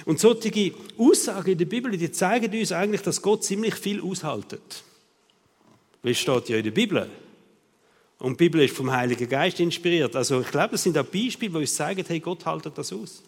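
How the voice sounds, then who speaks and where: A man's voice: on the high side, lively intonation, fairly quick. A man with a Swiss German accent preaching a sermon in a casual, conversational way, often checking in with his listeners through short tag questions. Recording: long reverb of a hall.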